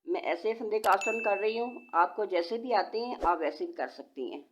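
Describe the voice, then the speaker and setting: A woman hosting a knitting tutorial counts stitches aloud and gives patient, step-by-step instructions at a moderate pace, her medium-pitched voice animated. A sore throat slightly changes how she sounds. The lo-fi home recording is dull, with a noisy background.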